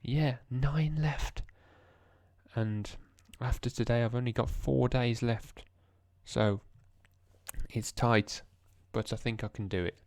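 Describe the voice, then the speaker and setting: Hushed, tired man at a quiet desk. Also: medium pitch, level tone, unhurried, creaky, no room sound, clean studio sound. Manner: hushed and tired, thinking aloud. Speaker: language learner vlogger. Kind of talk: casual screen-recorded vlog.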